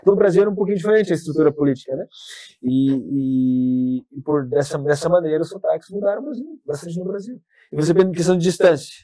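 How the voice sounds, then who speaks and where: Chatty southern Brazilian man, mellow voice. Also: a little high, quick pace, no room sound. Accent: southern Brazilian Portuguese. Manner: talkative, animated storytelling. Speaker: podcast guest. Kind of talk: casual interview chat.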